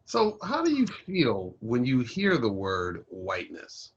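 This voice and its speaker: Lively-voiced man guiding a group. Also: mid-range voice, takes it slowly, lo-fi sound, slight background noise. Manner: calm, encouraging, guiding questions. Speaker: workshop facilitator on race. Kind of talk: video-call play acting.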